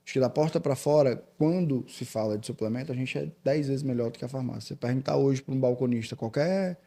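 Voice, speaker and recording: Gravelly-voiced Brazilian man, relaxed. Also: mid-range voice, fast. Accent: Brazilian Portuguese. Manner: relaxed, explanatory, addresses listener as "cara". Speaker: guest, sales director. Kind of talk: casual conversation.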